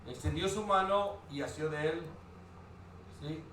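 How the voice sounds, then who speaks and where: Male preacher, fairly high voice, booming hall echo, asks the congregation questions. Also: unhurried, fairly bright tone, distant mic. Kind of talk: sermon. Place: church hall. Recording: very echoey church hall, faint noise.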